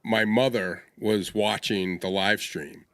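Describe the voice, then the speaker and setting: A man in a casual chat, telling stories in an animated way and acting out quotes. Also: on the low side, takes it slowly, no echo, studio quality. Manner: animated storyteller, acts out quotes.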